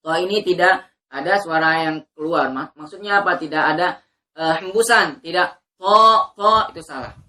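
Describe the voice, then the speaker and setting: Bright-voiced woman teaching Quran reading. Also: lowish voice. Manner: patient, repeats drills, slow drawn-out recitation. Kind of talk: teaching letter pronunciation to learners.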